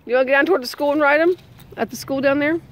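A woman's voice: sits high, rapid-fire, a little hiss or hum, rough recording. A middle-aged woman filming a casual family vlog outdoors on a handheld phone, chatty, laughing often and calling out to the kids. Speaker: family vlogger. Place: outdoors on a neighborhood walk.

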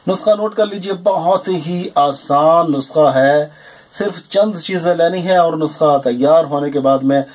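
Emphatic man presenting a home remedy. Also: on the high side. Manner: animated and emphatic, with repeated "jī hāṃ" and "ṭhīk hai". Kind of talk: explaining a home remedy to viewers. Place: small indoor room lined with shelves of medicine bottles.

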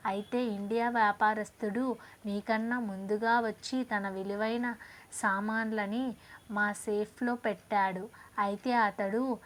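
A woman reading the lines of a calm, reassuring male ship captain in a storybook tale. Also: high-pitched, unhurried.

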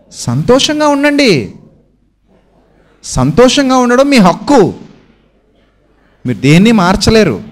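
A man preaching a sermon, asking his listeners questions and answering them himself with homely everyday examples. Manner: swings between a low, quiet voice and raised, drawn-out emphatic lines.

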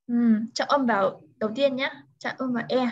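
A woman tutoring a pupil one-on-one in English vocabulary, saying each word slowly and carefully for the pupil to repeat. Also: high voice, lo-fi sound. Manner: slow, careful word-by-word pronunciation modeling.

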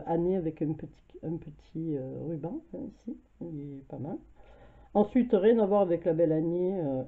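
In a casual haul video, a chatty French craft vlogger with a fairly low voice talks while sick with a cold and coughing. She's hesitant and uses many fillers, and the home camera mic gives a tinny, phone-like sound.

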